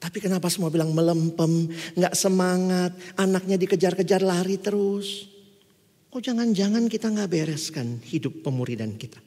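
A man preaching a sermon, telling stories casually and then breaking into forceful exhortations. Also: high voice, normal speed. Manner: lively, colloquial storytelling with sudden forceful exhortations. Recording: long hall reverb.

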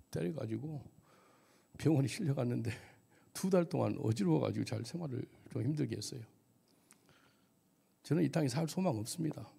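A man preaches his testimony to a church gathering, telling it vividly and checking in with the listeners. His voice is deeply husky and gravelly, with a dark, mellow tone. He sits at an ordinary pitch for a man. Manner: vivid storytelling, asks the audience questions. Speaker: missionary pastor. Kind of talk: testimony sermon. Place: church worship service.

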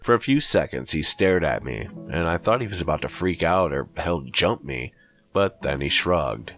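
Male horror storyteller, very low voice, lively pitch, measured scripted delivery. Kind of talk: scripted narration.

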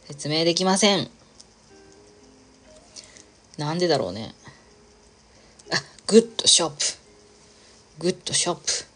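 A deep-voiced woman livestreams while crafting, chatting casually and rambling from one thought to the next. She laughs often and reads viewer comments aloud.

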